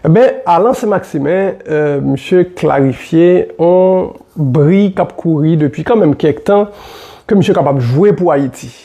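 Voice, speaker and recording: A man with a Haitian accent, giving solo football commentary in an animated way, repeating his points with many fillers. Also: on the high side, normal speed.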